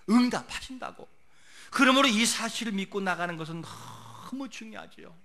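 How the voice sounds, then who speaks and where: A man delivering an emphatic sermon as pastor, his voice pitched high and sharp-edged. He leans on rhetorical questions and moves between quiet passages and loud peaks. His pitch rises and falls widely.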